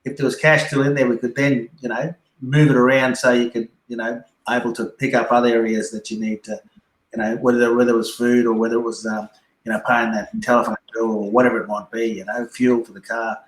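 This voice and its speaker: An Australian-accented man, a guest on a live stream, chats loosely and laid-back in a fairly quick, flat mid-range voice. He rambles with lots of fillers and restarts, and the audio is poor with an echoey room.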